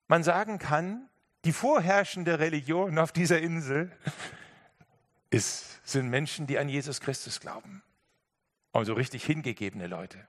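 A man preaching a sermon, telling a story in an emphatic, lively way and speaking directly to his listeners. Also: on the high side.

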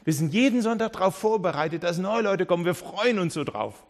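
A male pastor delivers a sermon with a voice pitched a little above the usual for a man. He tells the story with animation, slipping into the characters' parts and restarting his sentences along the way. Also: brisk. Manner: lively storytelling that acts out the characters; frequent restarts and repeated words.

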